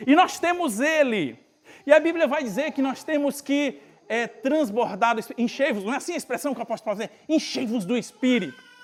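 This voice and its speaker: A man with a notably high voice preaches at a spiritual retreat, speaking with a northeastern Brazilian accent. He talks in an easygoing, conversational way and acts out Bible scenes in plain everyday speech. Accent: Brazilian Portuguese, northeastern. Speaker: pastor.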